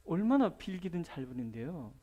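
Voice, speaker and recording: A middle-aged woman pastor preaching a sermon in a colloquial, storytelling way, swinging from loud emphatic lines to near-whispered asides. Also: fairly low pitch, sing-song, moderate pace.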